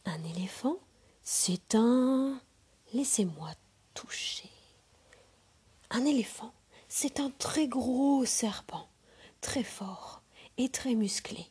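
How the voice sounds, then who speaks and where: A woman's voice: a little high, expressive, drawn-out words, pauses often, warm tone, breathy edge, voice pushed up, exaggerated voice. A woman voicing blind men who feel an elephant and each insist on what it is, groping for words. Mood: insistent.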